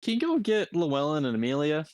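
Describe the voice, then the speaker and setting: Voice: medium pitch, sing-song, fast talker, a little mellow, no echo, close to an everyday voice. A tabletop player voicing a sick young man who pleads with his mother for help. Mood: pleading.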